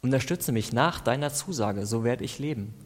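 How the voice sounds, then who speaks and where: A man of middle pitch reads psalm verses as a devotional, calm and deliberate. Between the verses he breaks off to explain in an easy, conversational tone. His voice carries a long reverb, as if recorded in a large hall. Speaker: preacher. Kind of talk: devotional Bible reading and commentary.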